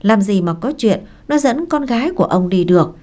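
A woman voicing a quarrelsome older village mother who shouts and curses. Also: medium pitch, animated, normal speed, lightly acted. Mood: angry. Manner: shrieking, cursing.

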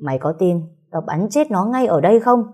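A woman's voice: medium pitch, lively intonation, brisk, mellow, natural voice. A woman voicing a harsh, powerful father who barks threats, in a storybook reading. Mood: angry. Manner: barking orders, threatening. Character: harsh powerful father, a gruff older official.

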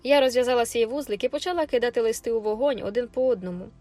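A woman's voice: a little high, racing, a little mellow. A woman reading an audiobook expressively, her voice turning stern and scolding in the housekeeper's lines, over faint music. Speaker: audiobook narrator.

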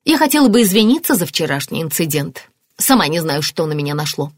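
A distraught middle-aged mother, quick to flare up and cry out, as voiced by a woman narrator. Her voice is on the low side and recorded dry and close. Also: big pitch swings, dry recording. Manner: shrill, flaring up.

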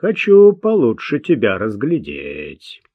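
Man doing a cool stern guy, short flat orders, slow and steady. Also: mid-range voice, husky, dry recording, dull audio, exaggerated voice. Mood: calm, stern. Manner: calm and curt. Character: calm, firm, commanding man.

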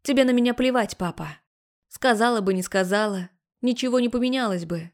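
A woman's voice: mid-range voice, brisk, darkish tone, natural voice. A woman voicing a defiant young woman, a grown daughter who speaks sarcastically and firmly, in an audiobook. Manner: sarcastic, firm.

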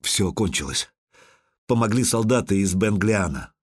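A man reading an audiobook, voicing a weary, calm male warrior who speaks low, hushed and steady. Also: measured pace, husky. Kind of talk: audiobook character voice.

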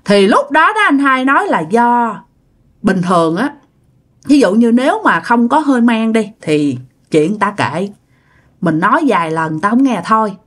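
Woman, ghost story storyteller, high voice, lively up-and-down delivery. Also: measured pace. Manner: conversational, addresses listeners directly. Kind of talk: spoken ghost story narration.

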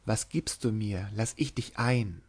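A man's voice: on the low side, unhurried, darkish tone, husky. A man reading aloud, voicing a teasing young noblewoman disguised as a lord, who speaks in a lisping, coy whisper.

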